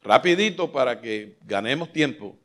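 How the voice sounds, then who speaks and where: A man's voice: mid-range voice, animated, moderate pace, a bit bright. A man preaching a live Sunday sermon from a church stage, emphatic and rousing, calling out questions for the congregation to answer. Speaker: pastor. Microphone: filmed from a stage mic.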